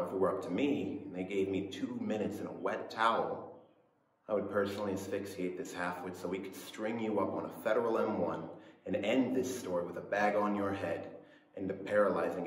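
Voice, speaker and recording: A tough cop played by a young man runs a film interrogation in a low voice. He is menacing, deliberate and scornful, an FBI agent who likes to intimidate. The bare room echoes heavily with long reverb. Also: natural voice. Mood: cold, threatening. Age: young adult. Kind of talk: acted film scene monologue. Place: small indoor concrete-block room.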